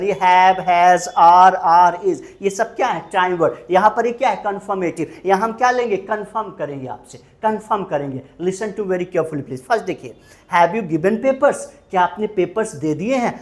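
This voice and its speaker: A male teacher with an Indian accent gives an English grammar lesson. He is emphatic and drills key words over and over. His voice keeps jumping up to stress a point and then dropping back down. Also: high voice. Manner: emphatic, repeats key words, quizzes the listener.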